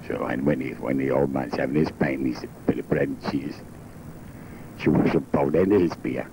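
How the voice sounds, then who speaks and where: An older man, a traditional singer, telling an old joke in a brisk, rambling way. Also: mellow. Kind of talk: old music-hall songs and a told joke. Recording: dull lo-fi archive tape with faint rumble.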